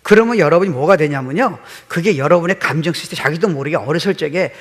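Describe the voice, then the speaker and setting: Speaking at a quick pace with a fairly high pitch, a middle-aged pastor animatedly tells stories during his sermon and mixes in English terms. The church sanctuary gives the recording a long hall reverb.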